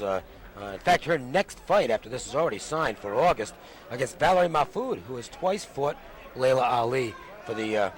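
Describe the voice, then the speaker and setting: A man giving conversational, folksy colour commentary on a live boxing match. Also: medium pitch. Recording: noisy arena broadcast with crowd. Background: arena crowd and noise.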